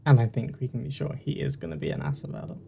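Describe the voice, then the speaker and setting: Recorded on a poor home mic with slight hiss or hum, a video game host rambles casually and self-deprecatingly while playing. He talks fast in a dark, mid-range voice with vocal fry and big pitch swings.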